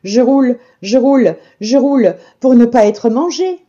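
A woman's voice: a little high, expressive, mellow, dull audio, pitched above the performer's own voice. Woman doing a boastful runaway pancake. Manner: chanting, rushing refrain. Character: fleeing golden pancake, female, proud and breathless.

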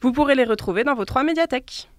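A woman who works as a librarian, giving a clear, lively scripted presentation of children's books and apps. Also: high voice, fast talker, dry recording, clean studio sound. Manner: clear, lively storytelling delivery.

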